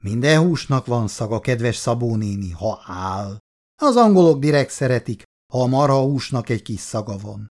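An awkward, flustered middle-aged man who hesitates over his words, his voice rising and falling with a lively range, as the reader does his voice. He comes across as a character in a read-aloud family tale. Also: mid-range voice, voice pushed down, close to an everyday voice.

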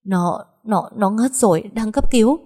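A woman voicing a hot-tempered peasant woman, an older sister who shouts coarse threats. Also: mid-range voice, animated, fairly quick, natural voice. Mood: panicked.

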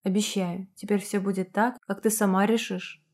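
A woman reading aloud, voicing a gentle, worried mother speaking to her daughter. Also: mid-range voice, flat delivery, moderate pace, close to an everyday voice. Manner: soft-spoken. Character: gentle, worried mother who turns firm.

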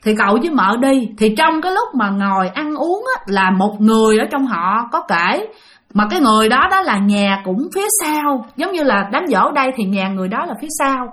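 Ghost stories sent in by listeners are narrated aloud by a channel host, a woman whose voice is on the high side, sing-song, fairly bright and a little fast. She keeps it chatty and frequently speaks straight to her audience.

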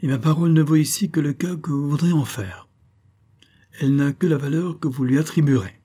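A cunning suspect, voiced by a man reading aloud, protests his innocence in a theatrical, pleading way. The voice is husky and dark-toned, and his indignation is put on for show. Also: fairly high pitch, a little fast, pitched above the performer's own voice. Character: cunning male suspect feigning outraged innocence.

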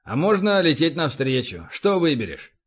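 A male narrator voicing a tough, weary special-forces soldier who talks gruffly and bluntly. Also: a little high, very animated, moderate pace, dull audio. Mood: gruff, curt.

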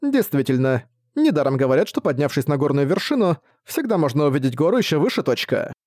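List: high squeaky quirky sidekick creature, put on by a man, odd verbal tic, dry sound. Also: sing-song, quick pace, darkish tone, no echo. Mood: puzzled. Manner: ends sentences with a verbal tic.

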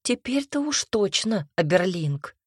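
A woman's voice: mid-range voice, sing-song, unhurried, husky, no room sound. A woman voicing a proud young noblewoman mage who answers with dry, caustic retorts.

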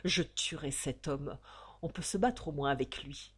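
A woman's voice: low-pitched, a little slow, breathy edge, pitched below the performer's own voice. A woman voicing a proud, fallen aristocratic count in an audiobook, haughty and curt in his speech. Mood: defiant. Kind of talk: audiobook character reading.

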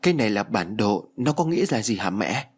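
A man's voice: fairly low pitch, big pitch swings, a little fast, breathy edge, full character voice. A man voicing a practical young woman who keeps asking questions in an audiobook ghost story. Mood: urgent. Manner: urgent, questioning storybook dialogue.

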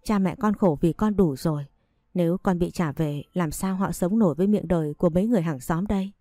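A woman's voice: on the low side, a little fast, dark tone, dry recording, clean studio sound, faint music behind, lightly acted. A woman reading as a young wife begging for mercy. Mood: pleading. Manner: imploring, tearful begging. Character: young wife, pleading and humble.

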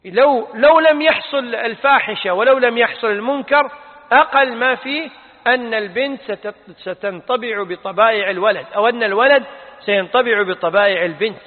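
A man's voice: extremely high pitch, a little fast. A man, an Islamic scholar, giving a religious lesson and answering listeners' questions, stressing key points emphatically. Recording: tinny phone-like sound with long reverb.

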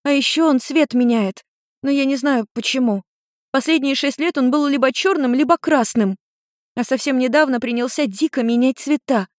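A high, bright-voiced teenage girl, as a woman voices her in an audiobook, indignant and quick to pile up questions. The recording is dry and close, with no room sound around the voice. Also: no room sound, lightly acted. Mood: earnest. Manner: indignant, rapid-fire questioning. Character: feisty teenage girl searching for her father. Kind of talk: audiobook character voice.

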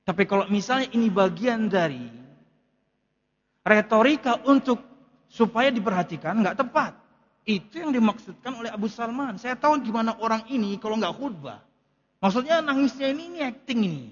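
Guy with a high voice explaining scripture line by line, kinda muffled, big echoey hall. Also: animated, normal speed. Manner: explains Arabic text line by line in casual Indonesian. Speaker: ustadz teaching a kitab study. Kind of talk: religious study lecture.

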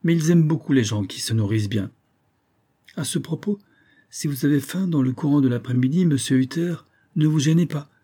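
A sinister aristocratic vampire count , as a male reader puts him on, speaks in a dark, husky voice. He talks slowly and insinuatingly, lingering over every word about blood. It is a dramatic reading of a story. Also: on the high side, voice pushed up. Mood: sly courtesy. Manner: slow, insinuating, dwells on blood.

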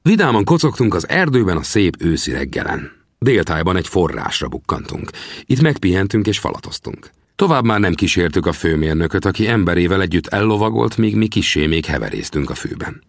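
Gravelly-voiced male audiobook narrator. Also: deep voice, very animated, no echo, studio quality. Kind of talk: scripted narration.

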